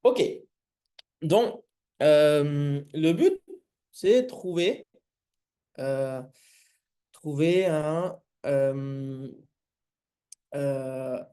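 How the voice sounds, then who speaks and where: A man who is not a native French speaker, with a foreign accent in French, teaches a live coding lesson haltingly, often searching for words. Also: on the high side, dark tone, clear, resonant tone. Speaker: programming instructor.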